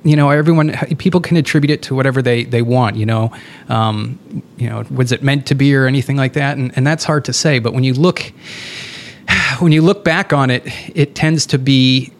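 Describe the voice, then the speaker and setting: A gravel-edged male host in middle age chats loosely with his guest, drifting through thoughts and laughing easily. He grew up in New Hampshire and keeps a casual, conversational pace. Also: mid-range voice, moderate pace, slight background noise. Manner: relaxed, rambling, laughs often. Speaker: podcast host. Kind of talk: casual interview chat.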